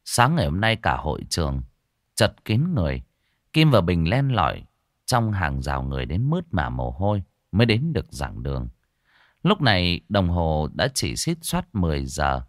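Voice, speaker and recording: A man narrating a horror story in an expressive, dramatic way. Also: low-pitched, normal speed, dry recording, clean studio sound.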